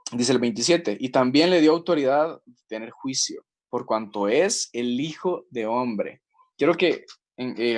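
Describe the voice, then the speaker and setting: Earnest man preaching a Bible study at an average pitch, reading scripture slowly and pausing often. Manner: earnest, slow reading of scripture with many pauses.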